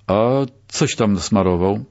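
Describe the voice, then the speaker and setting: A man voicing a weary male political prisoner who answers calmly and with resignation. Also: sits low, a little slow, vocal fry, muffled recording. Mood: resigned.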